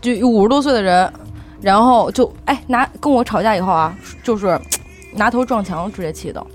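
A woman's voice: mid-range voice, normal speed, faint music behind. A young woman, chatting casually on a podcast and telling emotional stories about her mother, often asking "you know?". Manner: emotional, animated storytelling with frequent "you know?". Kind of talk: casual chat.

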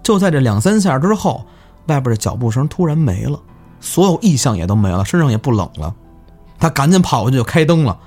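A man telling village ghost stories in casual chat, animated and swearing in surprise. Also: medium pitch, fairly quick, husky, soft background music. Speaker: guest storyteller. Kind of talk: casual spooky storytelling.

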